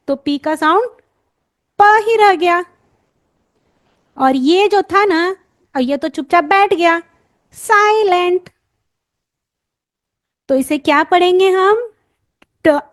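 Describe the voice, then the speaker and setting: An Indian woman teaching phonics, sounding letters out slowly and quizzing the listener as she goes. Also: very high voice. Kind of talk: lesson for parents and teachers.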